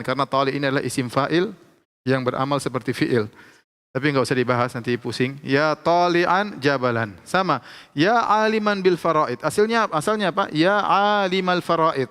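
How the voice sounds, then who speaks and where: A man teaching Arabic grammar in a lecture, explaining slowly and repeating each example with frequent checks of "ya". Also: on the high side, fairly bright tone, clear, resonant tone. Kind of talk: classroom lecture. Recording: long hall reverb.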